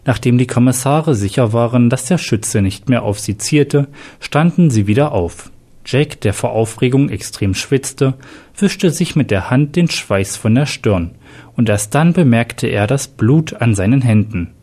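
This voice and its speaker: A man reading a crime story aloud as narrator in a steady storytelling manner. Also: mid-range voice, a little slow. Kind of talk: scripted narration.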